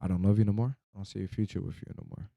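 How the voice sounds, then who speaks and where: A young man with a deep, very dark and relaxed voice rambles in a sleep-deprived, drowsy way. He tells a personal story in casual slang with loose swearing. The sound is dry and close, with hardly any room to it. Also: rapid-fire, vocal fry, dry recording.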